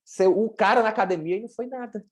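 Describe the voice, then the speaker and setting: A woman presenting a sports nutrition workshop talks at a quick pace in a mid-range voice, carrying a Brazilian Portuguese accent. The talk is informal teaching, blunt and chatty, with slang and acted-out examples.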